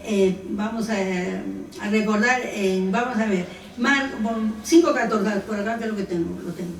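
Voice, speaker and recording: A woman's voice: medium pitch, a little slow, slight background noise. A woman leading a Bible study who directs the group to verses and asks her listeners questions. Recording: roomy room, distant mic.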